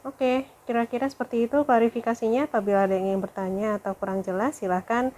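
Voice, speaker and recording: A woman's voice: a little high, steady tone, fast talker, a little mellow, a little hiss or hum. A woman lecturer talking through a recorded lesson, thinking aloud with fillers and corrections.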